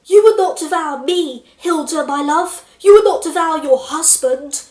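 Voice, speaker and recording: A woman's voice: high voice, a little slow, darkish tone. A woman voicing a devoted husband who pleads tenderly and earnestly, in an echoey room. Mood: pleading. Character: pleading devoted husband facing zombie wife.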